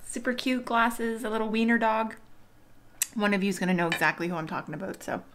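A woman's voice: medium pitch, fast talker, a bit bright, slight background noise. A woman in her thirties chatting casually to viewers while eating at home, rambling and laughing often. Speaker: mukbang vlogger. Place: home dining room.

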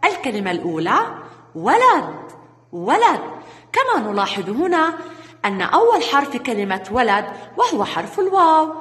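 A woman's voice: a little high, sing-song, a little fast, fairly bright tone. A woman teaching young children a reading lesson, encouraging and sing-song, praising them often. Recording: echoey room with long reverb.

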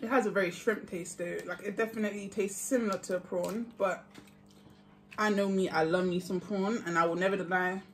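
A young woman chatting casually to her viewers while eating, easygoing and quick to laugh. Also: mid-range voice, steady tone. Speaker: vlogger. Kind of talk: casual mukbang chat.

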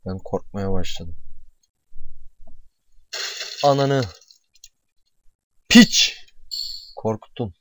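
Young man's excitable game commentary. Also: on the low side, moderate pace, long pauses, dry recording. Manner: excitable, swearing and shouting at the game. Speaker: gamer.

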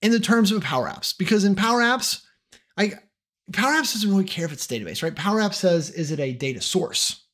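A man's voice: sits high, sing-song, fast talker, fairly bright tone. A middle-aged man giving a casual, opinionated tech tutorial, chatty with self-deprecating asides. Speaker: tech trainer. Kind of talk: casual tutorial talk to camera.

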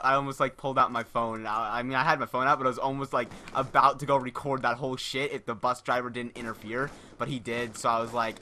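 A man's voice: mid-range voice, sharp tone. A young man hosting his gaming channel, telling a casual story in a rambling, profane way, often repeating and restarting words.

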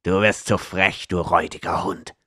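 A man's voice: low-pitched, takes it slowly, no room sound, clean studio sound, heavily acted. A man voicing a scheming, arrogant male outlaw noble in an audiobook, cold and domineering. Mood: threatening. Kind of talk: audiobook character reading.

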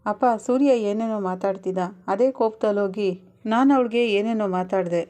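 A woman's voice: medium pitch, brisk, warm tone, close to an everyday voice. A woman voicing a meek young married son who answers apologetically.

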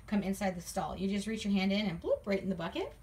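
A woman giving a casual walkthrough of her horse barn on a handheld phone, chatty and quick to laugh as she points things out. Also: mid-range voice, very animated, a little mellow, slight background noise. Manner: chatty, laughs often, lists items as she goes. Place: horse barn, paddock and tack room, in and out of doors. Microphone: handheld phone camera.

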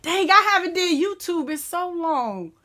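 Chatty, laughing young woman with bright voice. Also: extremely high pitch, lively intonation, unhurried. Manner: rambling, chatty, laughs often while talking. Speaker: vlogger. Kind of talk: casual mukbang chat. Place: at home, indoors at a table. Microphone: camera set up on the table.

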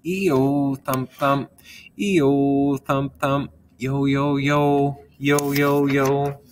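A man's voice: fairly low pitch, measured pace, fairly bright tone, distant mic, a little hiss or hum. A man voicing an impatient, demanding young male rabbit who chants his wishes over and over in a sing-song way.

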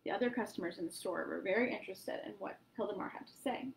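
A woman storyteller reading a picture book aloud to children in an animated way. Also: medium pitch, a little fast, vocal fry, slight background noise, low-quality recording. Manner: animated, addresses young listeners.

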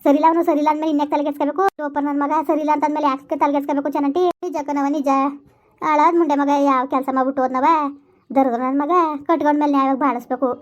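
A woman playing a loud, bitter village woman in a comedy skit, scolding and wailing. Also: high voice, level tone, very fast, lightly acted. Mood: quarrelsome. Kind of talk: rural comedy skit acting.

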